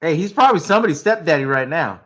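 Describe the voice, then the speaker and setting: A man co-hosting a podcast, chatting excitably about a film, laughing often and humming tunes. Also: fairly high pitch, very fast. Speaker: podcast co-host. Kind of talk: casual movie chat.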